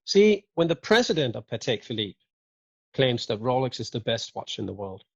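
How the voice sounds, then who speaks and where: A watch collector joins a video call as a guest and chats casually, cracking jokes, laughing a lot and wandering off into rambling asides. His mid-range voice is husky with vocal fry, very animated, and moves at a normal speed. The video call mic gives dull lo-fi audio with no room sound.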